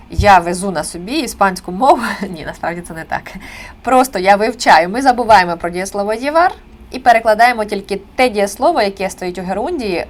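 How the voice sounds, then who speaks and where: A woman in her thirties who teaches Spanish online. She explains grammar step by step and lifts her voice to stress key words. A faint room hum sits behind her. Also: mid-range voice. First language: Ukrainian. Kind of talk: online language lesson.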